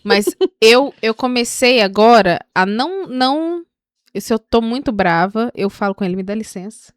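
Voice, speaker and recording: A woman co-hosting a casual faith-based chat, the mother of a small son, who tells animated stories, acts out what people said and laughs often. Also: a little high, unhurried, smooth, no echo, clean studio sound. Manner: animated storytelling, acting out quotes and laughing often. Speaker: podcast co-host.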